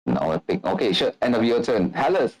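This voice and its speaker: A man's voice: mid-range voice, very animated, moderate pace, rough recording. A man running a tabletop game online as game master, calling out rolls and turns in a matter-of-fact way.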